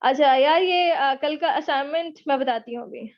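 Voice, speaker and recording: A high-pitched woman with a Pakistani accent leads a live online English lesson and takes questions. She teases and encourages her students in a chatty way, slipping English phrases into her Urdu. The audio is dull and lo-fi, like a web session. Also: moderate pace. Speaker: spoken English teacher. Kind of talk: live online class lecture with Q&A.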